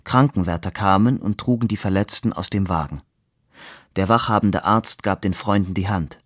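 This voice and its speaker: A man with a low voice reads a novel aloud, measured and expressive. The recording is dry and close with no room sound. His pace is steady. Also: no echo. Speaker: reader. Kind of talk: literary reading.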